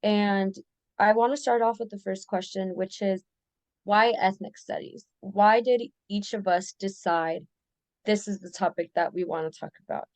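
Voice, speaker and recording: A woman's voice: mid-range voice, fairly even intonation, moderate pace, darkish tone, no echo. A young woman from the United States hosting a casual student podcast, talking with some hesitation and restarts.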